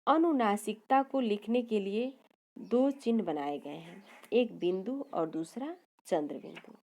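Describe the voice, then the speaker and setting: A woman's voice: medium pitch, lively intonation, a little slow, dark tone. A woman teaching a grammar lesson, sounding out letters one by one and explaining each step, now and then correcting herself. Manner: corrects herself mid-sentence. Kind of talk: slide-based grammar lesson.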